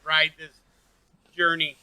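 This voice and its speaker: A man's voice: a little high, completely flat delivery, slow, very noisy. A man co-hosting a book podcast, chatting bluntly and casually, with the odd swear. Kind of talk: casual chat.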